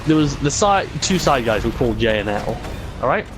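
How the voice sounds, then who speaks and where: With a sing-song, mid-range voice at normal speed, a man chats and rambles as he games. He's sweary and keeps mockingly mimicking others, all over background music.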